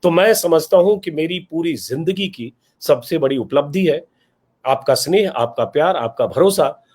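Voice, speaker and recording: Earnest higher-voiced man addressing viewers. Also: lively intonation, a little mellow, husky. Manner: earnest, explanatory, lists places and examples with many pauses and fillers. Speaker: journalist and YouTube channel host. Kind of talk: direct-to-camera talk to viewers.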